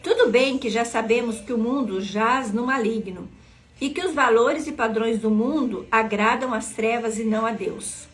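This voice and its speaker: Woman, devotional teacher, earnest, questioning her listeners, slightly high voice, soft music under her. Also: moderate pace. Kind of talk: devotional teaching reading from a book.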